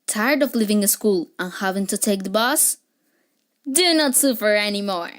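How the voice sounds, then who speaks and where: A young woman reading an infomercial sales pitch, addressing the listener directly. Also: normal speed. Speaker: advertiser.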